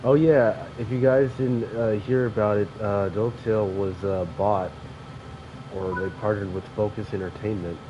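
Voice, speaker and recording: Commentary on a train sim game comes from a young man whose fairly low voice stays fairly even at a moderate pace. Sniffling with allergies, he rambles casually, filling gaps with fillers and correcting himself often, over a dull lo-fi mic with clear background noise.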